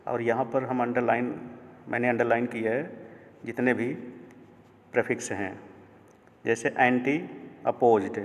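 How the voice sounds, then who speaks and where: A male teacher explains word parts one by one, pausing over each piece. He speaks at a very slow, measured pace at a middling pitch. His voice carries a long, reverberant echo. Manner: slow, deliberate, spelling out word parts and glossing them in Hindi. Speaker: English teacher. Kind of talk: YouTube grammar lesson.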